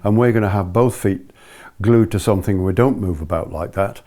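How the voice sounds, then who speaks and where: Older male ski instructor, low and soft-edged, patiently walking a small group through technique step by step. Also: normal speed. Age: older, about 70s. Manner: patient, methodical, repeats key points. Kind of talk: hands-on lesson explanation to a small group. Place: living room, indoors.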